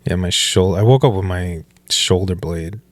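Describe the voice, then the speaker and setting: A man with a fairly low voice hosts a podcast in easygoing chat. He drifts into rambling asides. The recording is dry and close, with no room sound. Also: normal speed, no echo. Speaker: podcast host. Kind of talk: casual chat.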